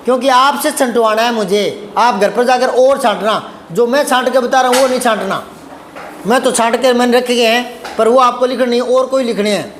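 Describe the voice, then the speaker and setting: A man's voice: very high voice, normal speed, fairly bright tone, echoey room, slight background noise. A man teaching a Hindi grammar lesson to a class, patient and repetitive, often asking the students if they understood. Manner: patient, repetitive, addresses students as beta, asks checking questions.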